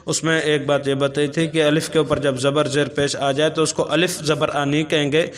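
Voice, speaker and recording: A man with a Pakistani accent teaching Quran reading, spelling out syllables slowly in a chanting tone. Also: a little high, little pitch movement.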